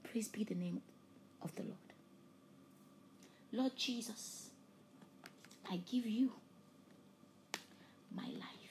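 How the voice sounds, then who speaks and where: With drawn-out words and long pauses, a mid-range female voice carries a sermon and altar call. The speaker, a preacher and host whose first language is Yoruba, preaches fervently, rising to loud emphatic peaks and falling back to hushed near-whispers.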